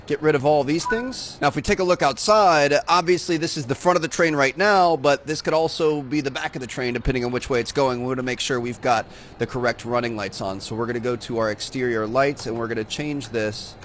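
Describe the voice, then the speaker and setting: A man's voice: medium pitch, fairly bright tone, slight background noise. A young man hosting a gaming channel, giving laid-back, chatty commentary while he plays and often saying "dude". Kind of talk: casual gameplay commentary.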